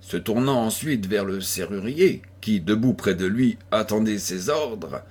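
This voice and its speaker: A man reading a classic novel aloud as an audiobook narrator, slow and deliberate. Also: on the low side, lively intonation, darkish tone, slightly rough. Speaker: audiobook reader. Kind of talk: scripted narration of a 19th-century detective novel.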